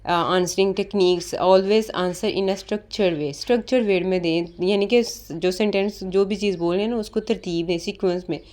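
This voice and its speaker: Talking a little fast and barely pausing, this woman coaches listeners on interview preparation in a relaxed lesson. She breaks things down step by step, says "ठीक है" often, and blends English terms into her Urdu. Her mid-range voice has a darkish tone and fairly even intonation.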